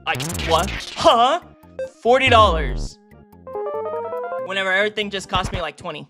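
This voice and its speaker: A streamer giving casual, profane reaction commentary while ranking a video series, excitable and quick to laugh. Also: medium pitch, over music.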